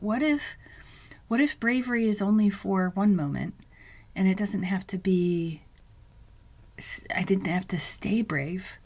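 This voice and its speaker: A woman hosting her own podcast, speaking in a reflective monologue and thinking aloud with pauses and restarts. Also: mid-range voice. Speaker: podcast host.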